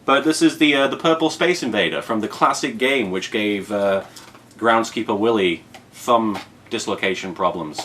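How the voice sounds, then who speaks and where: At a moderate pace and fairly low pitch, with a bit of brightness, a thirty-something British man rambles through an unboxing vlog indoors at his apartment. He's playful and mock-serious, leaning on emphatic repetition, and the background room noise is clear.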